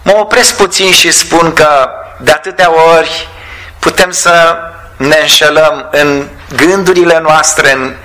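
A man preaches with fervor, his voice pitched high. The tone is bright and forceful. He lifts his lines into exclamations and slows right down on the words he wants to land. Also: low-quality recording. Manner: fervent, exclamatory, stretches key words slowly. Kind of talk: sermon.

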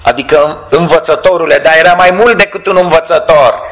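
A man preaching a sermon in a fervent, exclamatory way, drawing out key words slowly for weight. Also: a little high, poor audio.

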